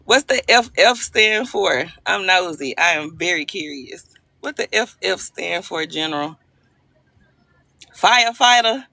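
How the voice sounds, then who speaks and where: A livestream host from Arkansas in the US South chats playfully with her viewers, laughing easily and greeting people by name. Her voice sits on the low side, gravelly with a bright, forceful edge, animated yet unhurried. The phone recording is close and dry, with no echo.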